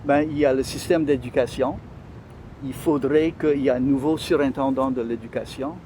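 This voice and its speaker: A man's voice: medium pitch, fairly even intonation, normal speed, dark tone, slight background noise. A man with a Louisiana French accent talking in an interview, hesitating often as he searches for words. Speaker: interview guest. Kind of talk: conversational interview.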